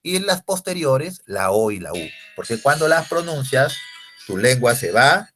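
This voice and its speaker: A man's voice: medium pitch, sing-song, a little slow, pushed and bright, soft background music. A man teaching a language lesson, explaining step by step and often checking with rhetorical questions. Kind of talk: recorded lecture.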